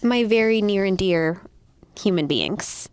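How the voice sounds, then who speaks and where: Lively, bubbly woman podcast co-host. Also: medium pitch, unhurried, a little hiss or hum. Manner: bubbly, playful and swearing. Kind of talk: casual podcast chat.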